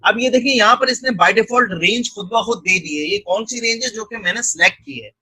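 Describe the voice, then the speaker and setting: A man narrating a screen-recorded software tutorial step by step. He keeps checking in with the viewer and mixes English technical terms into his speech. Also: high voice, brisk, slightly rough, no room sound, rough recording. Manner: step-by-step, repeating "theek hai" and "ye dekhen" to guide the viewer.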